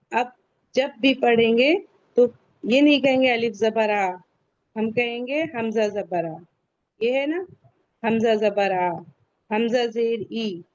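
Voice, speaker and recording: A woman teaches an online tajweed class at a slow, deliberate pace. Her voice sits a little high, and she repeats each question before answering it herself. The recording is dry and a bit dull. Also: darkish tone, no room sound. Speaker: Quran recitation teacher. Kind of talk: online tajweed lesson, screen shared.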